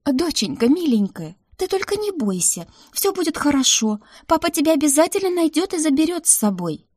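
A woman's voice: high voice, very animated, normal speed, darkish tone, no echo, clean studio sound, pitched above the performer's own voice. A woman voicing an anxious, tearful middle-aged mother who speaks tenderly and in a whisper, in an audiobook.

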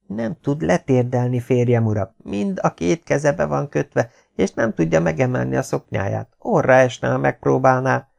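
Man voicing a gentle queen, soft, coaxing, raised pitch, storybook reading. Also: lively intonation, vocal fry, hardly any pauses. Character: gentle medieval queen pleading for a girl.

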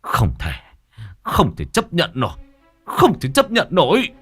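A man voicing a furious middle-aged male theater owner who shouts and curses at his son and wife. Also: a little high, wildly swooping pitch, a little slow, husky, soft background music, voice pushed up, exaggerated voice. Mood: enraged. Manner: shouting, cursing, scornful.

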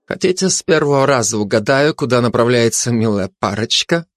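A man's voice: medium pitch, lively intonation, brisk, no room sound, clean studio sound, close to an everyday voice. A man voicing a scheming male dog who talks with smirking irony. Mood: ironic. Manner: ironic, smirking.

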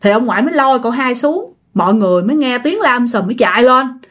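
A woman's voice: fairly high pitch, animated, fast, fairly bright tone. A woman telling a ghost story in a chatty, casual way, often speaking straight to her listeners. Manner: chatty, addresses listeners directly.

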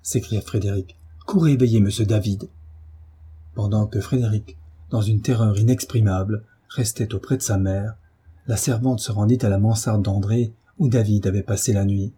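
A man narrating a classic novel as an audiobook, measured and even. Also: lowish voice, breathy edge.

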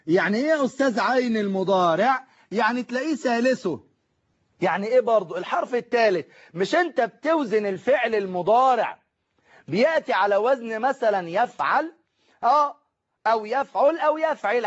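Egyptian male teacher, high-pitched, methodical exam-prep drill, stretches out word patterns, dull lo-fi sound. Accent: Egyptian Arabic. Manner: asks and answers his own questions, drills the class to repeat forms; slows right down to spell out word patterns. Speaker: Arabic teacher. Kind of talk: exam-prep grammar lesson.

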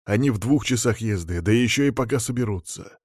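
A man reading an audiobook voices a gruff, displeased field marshal who barks brusque orders. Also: fairly low pitch, expressive, fairly quick, dry recording, studio quality. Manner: brusque, bossy, irritated.

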